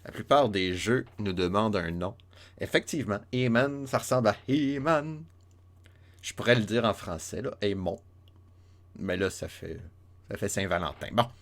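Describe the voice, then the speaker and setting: A man talks through a game in a relaxed, joking way, often looping back on his words. His voice sits on the low side. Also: normal speed. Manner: playful, joking, many fillers and restarts. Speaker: let's play host. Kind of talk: casual game commentary.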